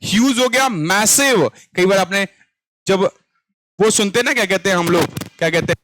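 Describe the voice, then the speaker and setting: Man, Indian accent, vocabulary teacher, repeats questions, high voice. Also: normal speed, a bit bright, a little hiss or hum. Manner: chatty, repeats questions to students, mixes Hindi and English. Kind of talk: online exam-prep lesson.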